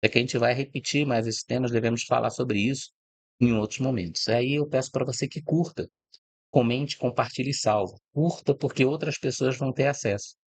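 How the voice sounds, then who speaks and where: In an informal talk to camera, a middle-aged Rio de Janeiro native who runs a food and agribusiness channel lays out his ideas step by step, reflectively. His mid-range voice keeps a fairly even intonation at a moderate pace, and he keeps checking in with "né?" and "tá?". The recording is dry.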